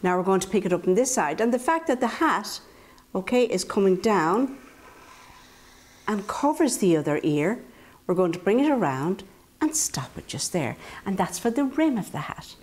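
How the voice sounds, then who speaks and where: A woman's voice: medium pitch, very animated, moderate pace, darkish tone. Playful woman hosting a children's drawing lesson. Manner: playful, encouraging, talks directly to young children. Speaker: children's drawing instructor and host. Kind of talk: step-by-step drawing tutorial for children.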